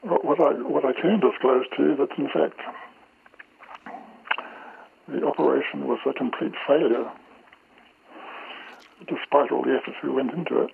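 A man speaks through a voice-disguising filter on a phone call, his tone gravelly and rough. He talks haltingly, restarting sentences and filling pauses. The line is thin and tinny, with a clear hiss of noise behind him. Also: medium pitch. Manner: halting, with many fillers and restarts. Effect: voice disguised by an altering filter. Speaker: former intelligence officer on the phone. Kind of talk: phone interview.

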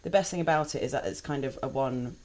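A woman's voice: extremely low pitch, quick pace, a crowd in the background. A young woman from Hong Kong chatting casually while she cooks, laughing often. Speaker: home cook guest. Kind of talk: casual chat while cooking.

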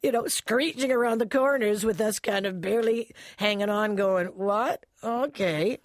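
Kiwi woman, chatty interview, mid pitch, dry sound. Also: fairly even intonation, normal speed, no room sound. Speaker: writer being interviewed. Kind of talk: casual, chatty interview anecdote.

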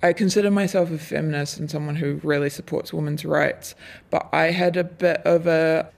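Woman, 20s, disguised deep voice, electronically altered, gravelly fry, candid interviewee, hesitant fillers. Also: steady tone, normal speed, a little mellow. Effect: voice altered, disguised deeper. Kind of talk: documentary interview.

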